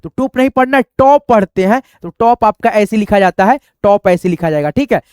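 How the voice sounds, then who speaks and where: A man's voice: sits high, expressive, fairly quick, smooth, no echo, studio quality. A man teaching English pronunciation in a patient, repetitive way, spelling words out letter by letter and often addressing his listeners as friends. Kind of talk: spoken lesson.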